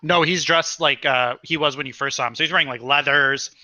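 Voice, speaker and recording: A man's voice: on the high side, fairly even intonation, brisk, pushed and bright, no room sound. A man narrating a tabletop game as game master, in a casual, rambling way with lots of fillers.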